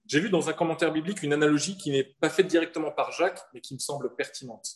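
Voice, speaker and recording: A man from southern France preaching a sermon in an earnest manner, with rhetorical questions and slowed-down emphasis. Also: fairly high pitch. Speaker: pastor.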